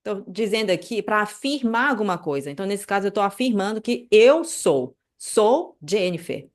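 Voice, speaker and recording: A woman teaching a casual live online class, chatty and animated, checking in with listeners often. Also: medium pitch, a little fast. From Brazil. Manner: chatty, many fillers like "né" and "tá", animated asides. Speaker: Japanese language teacher.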